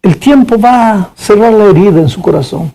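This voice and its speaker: A man voicing a gentle young church girl. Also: high-pitched, animated, normal speed, creaky, pitched above the performer's own voice, poor audio. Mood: comforting.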